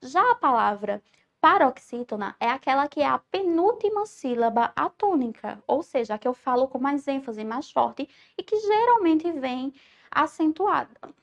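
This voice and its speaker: A woman's voice: high voice, sing-song, creaky, lo-fi sound. A woman from Brazil, a teacher giving a recorded online school lesson, explaining patiently and often checking in with "certo?". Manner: stresses syllables slowly when spelling out words.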